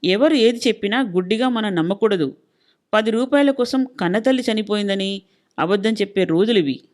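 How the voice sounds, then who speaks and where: A woman's voice: medium pitch, animated, normal speed, darkish tone, natural voice. A woman voicing a stubborn, lecturing husband. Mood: insistent lecturing. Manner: scolding, insistent. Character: stubborn middle-aged husband, lecturing and suspicious.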